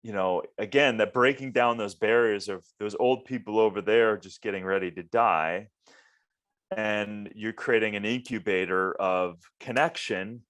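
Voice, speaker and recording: A man's voice: lowish voice, a little slow, fairly bright tone. A man from Minnesota hosting a casual interview podcast, rambling and repeating words as he searches for what to say. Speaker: podcast host.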